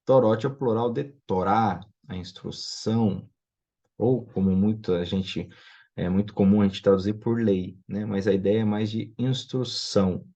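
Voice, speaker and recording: A man's voice: on the low side, steady tone, unhurried, dark tone. A man teaching a recorded online lesson, explaining patiently and often checking in with his students. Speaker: Biblical Hebrew teacher. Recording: dull lo-fi recording.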